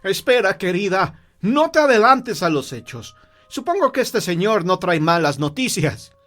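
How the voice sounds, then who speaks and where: A man's voice: high-pitched, big pitch swings, measured pace, fairly bright tone, soft background music, voice pushed up, full character voice. Man voicing an older husband, fearful, tense raised voice. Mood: soothing. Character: stunned, fearful old husband and father.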